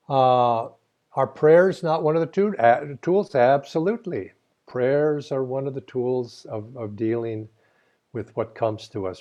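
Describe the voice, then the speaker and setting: A man with a mid-range voice teaches at a relaxed, steady pace in a weekly online spiritual talk. He is thoughtful and earnest, and his sentences meander as he works his ideas out. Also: medium pitch.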